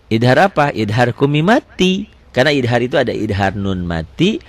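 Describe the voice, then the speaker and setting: A man teaching tajwid. He quizzes the class with his own questions and recites verse examples slowly and drawn out. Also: medium pitch, lively intonation. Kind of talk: tajwid lesson.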